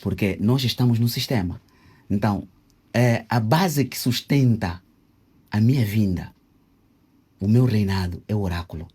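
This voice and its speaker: A man, speaking in a husky, slightly breathy voice. He teaches as he talks and slows down to sound out words syllable by syllable, with frequent hesitations. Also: lowish voice, darkish tone. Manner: didactic, spells out Kikongo words syllable by syllable with many hesitations. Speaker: interviewee, self-proclaimed traditional king. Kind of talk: explanatory interview answers.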